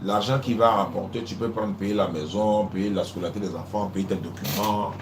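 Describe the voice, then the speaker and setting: A man's voice: fairly low pitch, fairly even intonation, brisk, reverberant. Talkative male preacher on a noisy live stream. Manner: repeats phrases, keeps saying "Inch'Allah" and "Allô?". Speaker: preacher hosting a live call-in. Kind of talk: casual live-stream chat with callers.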